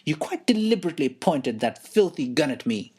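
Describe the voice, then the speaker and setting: A woman voicing a loud, flirtatious upper-class lady in a storybook reading. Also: low-pitched, very animated, a little fast, slightly rough, exaggerated voice. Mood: brash. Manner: loud, shouting.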